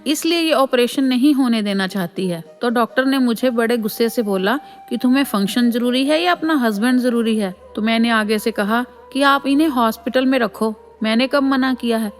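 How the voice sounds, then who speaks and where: A woman reading a devotee's first-person story as a voice-over, often addressing listeners as sangat ji. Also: on the high side. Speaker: voice-over reader of devotee satsang stories.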